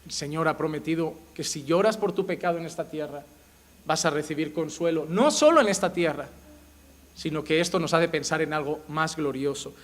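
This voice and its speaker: A middle-aged male pastor, preaching a passionate sermon that swings from loud to hushed. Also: fairly high pitch, moderate pace.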